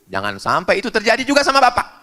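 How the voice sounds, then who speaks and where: A man from Indonesia preaching a lively sermon to a congregation, jumping up in pitch for emphasis and jokes. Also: fast talker. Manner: animated, jumps high in pitch for emphasis and jokes.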